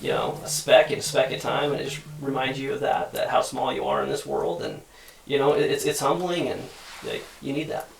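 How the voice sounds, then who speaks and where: A man telling stories casually in a rambling, animated way, often restarting his sentences. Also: medium pitch, a little fast, vocal fry, echoey room, recorded from a distance, low-quality recording. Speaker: guest hunter. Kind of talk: casual storytelling.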